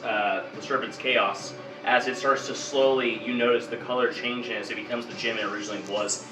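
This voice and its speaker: A man running a tabletop game as game master, narrating dramatically and bursting into loud shouted lines. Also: medium pitch, echoey room, recorded from a distance, poor audio.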